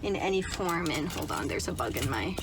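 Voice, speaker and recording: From inside a car, a young woman from Canada chats to camera in a loose, upbeat vlog, sprinkling in plenty of "like" and "right?". Her low-pitched voice is animated and fairly quick, and the recording is very noisy.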